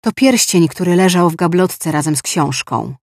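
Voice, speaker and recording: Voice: mid-range voice, lively intonation, moderate pace, no room sound, clean studio sound. A narrator voicing a young female novice who explains earnestly, in an audiobook. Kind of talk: audiobook dialogue.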